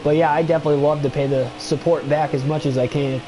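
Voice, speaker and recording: A young gaming livestreamer with a stuffy nose chats casually with viewers while commenting on a racing game, rambling with lots of fillers. He talks fast with a slightly high voice and fairly even intonation, against a noisy background.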